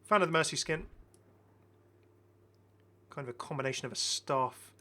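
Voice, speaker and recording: Showcasing game skins, this middle-aged host talks enthusiastically and casually, frequently saying the same phrases again. He speaks at normal speed in a fairly high, bright and forceful voice.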